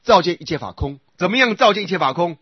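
Husky-voiced man teaching Buddhist scripture. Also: high-pitched, lively intonation, no room sound, muffled recording. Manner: often checks with listeners by asking "right?"; recites sutra phrases in slow repeated cadence. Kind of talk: sutra lecture.

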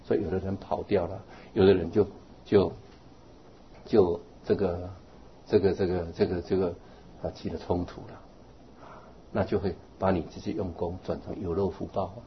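A man giving a Buddhist Dharma talk, animated and rising to emphatic exhortation. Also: low voice, normal speed, lo-fi sound, slight background noise. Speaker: Buddhist teacher.

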